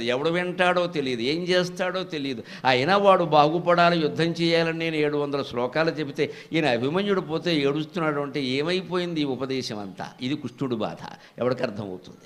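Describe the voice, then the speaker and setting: Older man preaching with animated storytelling. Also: on the high side. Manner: bursts into slow sung verse recitation; animated storytelling with acted-out dialogue. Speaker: Telugu discourse speaker. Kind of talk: devotional discourse.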